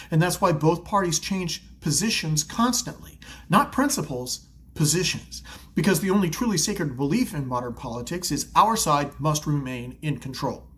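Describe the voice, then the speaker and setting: A man hosting a scripted satirical political commentary, with a sarcastic, mocking delivery built around punchlines. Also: fairly high pitch.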